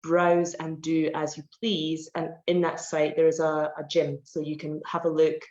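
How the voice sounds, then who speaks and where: A woman's voice: low voice, completely flat delivery, normal speed, a little mellow, slight background noise. A Scottish woman in her forties, a personal trainer chatting in an interview, explaining at length with many fillers. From Scotland. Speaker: personal fitness trainer, guest. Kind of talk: casual interview answers. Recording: roomy, dull online call audio.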